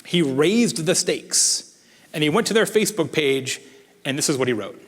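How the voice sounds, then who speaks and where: A man delivering a conference keynote with animated, emphatic, conversational energy. His voice sits a little high for a man, and it carries through a large hall with a long echo. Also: moderate pace. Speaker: keynote speaker. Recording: echoey hall.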